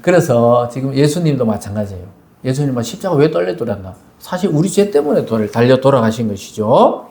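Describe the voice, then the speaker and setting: A man's voice: medium pitch, fairly quick. Man preaching in an echoey church. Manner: conversational, animated storytelling with quoted voices. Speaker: pastor. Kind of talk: sermon. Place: church sanctuary.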